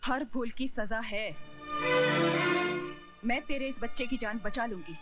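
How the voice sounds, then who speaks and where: A woman plays a cold, scornful lady of a great house, mocking those who beg at her door. Her voice sits high, with loud music swelling under the scene. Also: a little slow, highs cut off, lightly acted. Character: cruel haughty rich mistress of a mansion. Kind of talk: Hindi film drama. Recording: film soundtrack with loud music.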